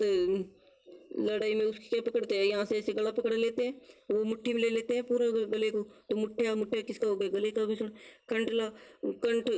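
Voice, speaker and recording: A woman's voice: mid-range voice, mellow, rough recording. A woman teaching an exam-prep lesson, drilling terms with memory tricks, asking questions and answering them herself. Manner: explains slowly with rhetorical questions and answers; repeats words to drill them.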